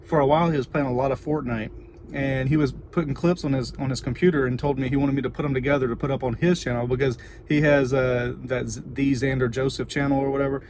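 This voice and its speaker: Middle-aged Texan male vlogger, mid-pitched, informal and rambling, recorded in a car with clear ambient noise. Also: steady tone, fast talker. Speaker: vlogger and parent. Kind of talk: casual chatty livestream, answering viewers. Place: inside a car.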